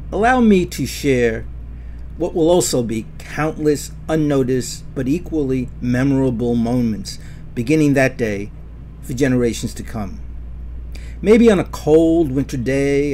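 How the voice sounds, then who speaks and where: A man's voice: mid-range voice, warm tone, a little hiss or hum. Man giving formal scripted narration. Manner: measured, formal reading.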